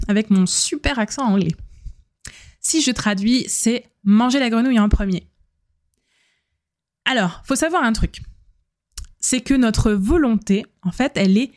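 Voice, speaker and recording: A woman hosts a solo podcast, giving practical advice in a relaxed, chatty way. She fills her talk with hesitations and corrects herself as she goes. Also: mid-range voice. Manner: chatty, many fillers and self-corrections. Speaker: podcast host.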